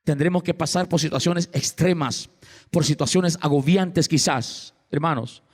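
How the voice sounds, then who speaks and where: A man's voice: on the high side, unhurried, breathy edge. A male pastor with a Salvadoran Spanish accent, preaching an impassioned sermon and calling out to the congregation with repeated refrains. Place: large church sanctuary. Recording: long reverb of a church hall.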